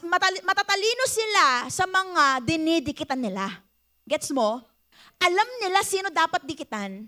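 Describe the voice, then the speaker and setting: A young Filipino woman preaching with a high, bright voice. She is lively and playful, laughing often and calling out to the congregation. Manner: animated, playful, laughs often, asks the crowd "Hello?". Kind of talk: Taglish sermon.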